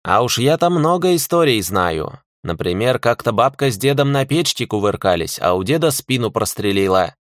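A man's voice: medium pitch, very animated, moderate pace, hardly any pauses, no room sound, clean studio sound, natural voice. A man voicing a rude, centuries-old male talking cat in an audiobook, haughty and sarcastic. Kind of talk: audiobook character voice.

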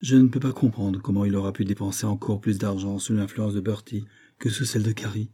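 A man's voice: fairly low pitch, little pitch movement, brisk, husky. A man voicing an anxious, kindly young woman who gossips and fusses over her friend, in an audiobook reading. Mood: worried gossip. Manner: fretful gossiping, gently fussing.

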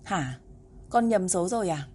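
A woman's voice: on the low side, expressive, a little mellow. A woman voicing a clever little boy who fakes a tearful, panicked plea on a phone call in a storybook reading. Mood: feigned surprise. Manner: pleading, sobbing, rapid.

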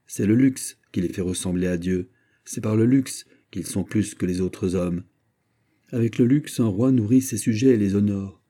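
A man's voice: lowish voice, normal speed, dark tone, natural voice. A man voicing a proud, eloquent male royal finance minister who speaks in lofty, formal speeches.

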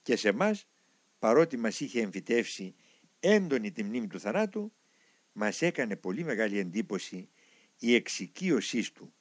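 Guy reading a monk memoir out loud, slow reverent delivery, pitch moves a lot, dry close sound. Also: dry recording. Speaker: reader of a monastic memoir.

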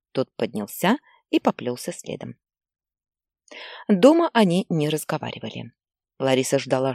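A woman narrating a story in an expressive, dramatic reading style. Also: lowish voice, no room sound, clean studio sound.

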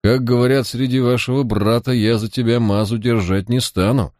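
A man's voice: medium pitch, steady tone, normal speed, darkish tone, dry recording, studio quality, voice pushed up, close to an everyday voice. A man voicing a shrewd, cocky male police detective who talks in a mocking, coaxing drawl. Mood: coaxing mockery.

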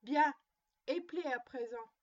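Little girl playing mother, voiced by a woman, stern, scolding, high-pitched, muffled recording. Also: slow, darkish tone.

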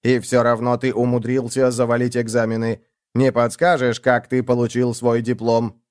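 A man's voice: mid-range voice, monotone, normal speed, darkish tone, clean tone, dry recording, clean studio sound, natural voice. Sarcastic ship computer, voiced by a man. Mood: scornful. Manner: needling, sarcastic interrogation. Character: sneering male ship computer, cold, mocking.

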